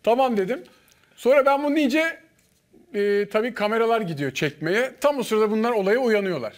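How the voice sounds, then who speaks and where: Fast-talking man telling a story. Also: high-pitched. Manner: lively anecdote-telling, acting out dialogue. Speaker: guest, former contestant. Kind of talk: animated storytelling on a studio panel.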